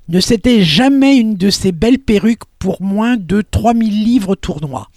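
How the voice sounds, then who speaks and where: A man presenting a radio program, reading prepared texts aloud with lively, theatrical emphasis on the quotations. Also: sits high, no echo, studio quality. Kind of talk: scripted radio narration.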